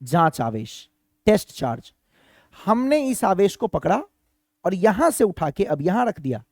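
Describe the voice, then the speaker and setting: A man's voice: high-pitched, sing-song, a little slow, a little mellow, no room sound, clean studio sound. A man teaching a physics lesson to students, often asking them questions and acting out what a student might ask. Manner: asks students repeated questions, acts out student voices. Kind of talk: classroom physics lecture.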